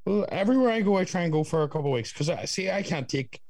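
A man's voice: high voice, expressive, fast talker, gravelly, a little mellow, dry recording, studio quality. A man in his twenties with a Northern Irish accent, chatting casually and swearing as a podcast co-host. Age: 20s.

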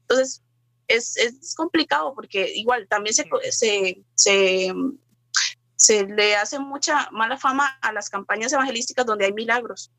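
Bright, fairly high woman's voice. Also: measured pace. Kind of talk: casual faith chat.

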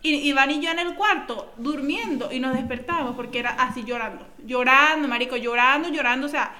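A woman with a Venezuelan accent co-hosting a casual podcast, telling animated stories in heavy slang. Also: high-pitched, brisk. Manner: animated storyteller, slangy, calls people "mi amor". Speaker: podcast co-host.

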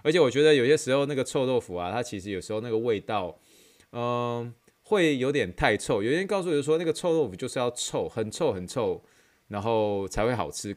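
A man with a Taiwanese Mandarin accent hosting a podcast in casual, rambling chat that repeats phrases. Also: mid-range voice. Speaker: podcast host.

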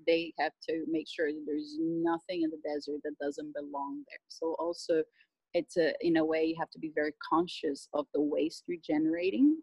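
A woman's voice: sits low, little pitch movement, moderate pace, a little mellow, breathy edge, dry recording, low-quality recording. A woman from Brazil, a guest chatting casually in an interview about travel.

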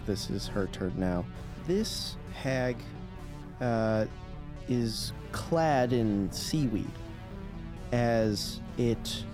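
A man running a tabletop role-playing game, narrating deliberately and with suspense as game master. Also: medium pitch.

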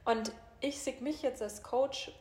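A woman coach speaking a German regional dialect chats casually, talking openly, laughing easily and using many fillers. Her voice is high-pitched with a darkish tone and a measured pace, recorded in an echoey room.

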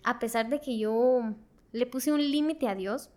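A woman telling her faith story in a casual conversation, animated, acting out her own prayers and laughing often. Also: on the high side, a little slow.

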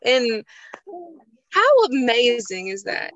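Crowd noise and lo-fi sound surround a woman whose highish voice swings widely in pitch as she talks slowly. She co-hosts a faith program and, in an informal conversation, tells a personal story with folksy, emotional earnestness.

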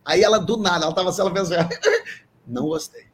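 A man telling a comic anecdote in an animated way, often repeating and restarting words. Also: sits high, quick pace. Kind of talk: comic storytelling.

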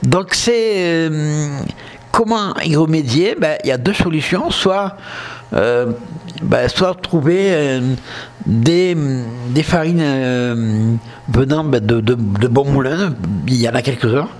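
A man's voice: medium pitch, animated, slow pace, a little mellow. A man with a southern French accent hosting a casual solo podcast, chatting straight to his listeners and often checking in with them. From southern France. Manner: chatty, addresses listeners directly with frequent "ok?". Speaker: podcast host.

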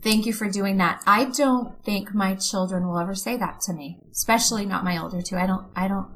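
A woman's voice: mid-range voice, fairly quick, a bit bright, rough recording. A woman guest on a podcast interview, a coach who talks candidly and emotionally about faith and hardship. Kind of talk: conversational interview.

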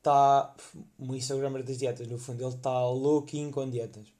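A man's voice: medium pitch, little pitch movement, moderate pace, mellow. A young man with a European Portuguese accent telling rambling comic stories as a podcast host, full of slang and fillers. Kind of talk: casual comedic storytelling monologue.

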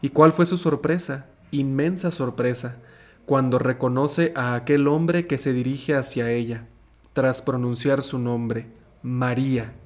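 A young man training for the priesthood reads a gospel passage aloud in a calm, measured way. He then moves into a short, earnest reflection at the same steady pace. His voice sits at an ordinary middle pitch for a man. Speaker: seminarian.

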